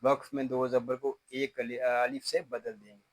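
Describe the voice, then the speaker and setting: A man with an Urdu accent teaching Quran recitation, spelling each word slowly letter by letter and then explaining the rules. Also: mid-range voice, little pitch movement, no room sound, poor audio. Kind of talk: word-by-word tajweed spelling lesson.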